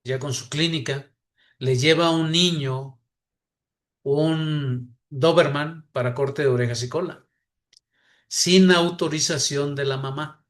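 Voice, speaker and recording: A man with a Mexican Spanish accent gives a talk on veterinary practice, his voice a little higher than most men's. He tells a case story to students in a halting way, stopping to repeat words and reach for fillers. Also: fairly even intonation. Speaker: veterinary lecturer.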